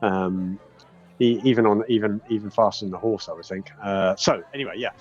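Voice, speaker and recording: Halting male game master, dull audio. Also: fairly low pitch, darkish tone, husky. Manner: halting, easygoing, rambling. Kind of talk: casual tabletop game narration. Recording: dull, lo-fi sound.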